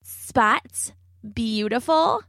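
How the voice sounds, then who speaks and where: A woman's voice: medium pitch, animated, moderate pace, no room sound, close to an everyday voice. A proud female zebra snorts her dismissals, as a woman acts her out. Her voice sits in a middle register and is recorded dry and close. She sounds like a storybook creature who looks down on her rivals. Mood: haughty.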